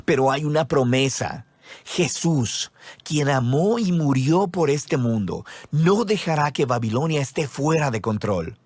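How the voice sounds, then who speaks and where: A man giving scripted explanatory narration in a measured, teaching style. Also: medium pitch, expressive, darkish tone, husky, no room sound.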